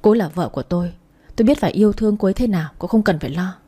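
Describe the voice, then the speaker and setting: A woman's voice: mid-range voice, rapid-fire, mellow, breathy edge, lightly acted. A woman voicing a jealous, hot-tempered young husband who talks in a snapping, possessive way. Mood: cool.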